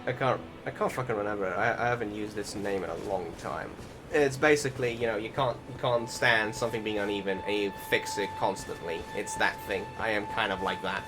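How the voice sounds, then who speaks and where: Speaking briskly in a lowish voice with fairly even intonation, this man offers loose, halting commentary on a video game, cursing from time to time. Game music sits in the background.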